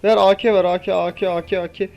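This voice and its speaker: High-voiced young man pleading with a game. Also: little pitch movement, fast talker, creaky, a little mellow, muffled recording. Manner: impatient pleading, coaxing the game. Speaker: gaming YouTuber. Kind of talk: casual gameplay commentary.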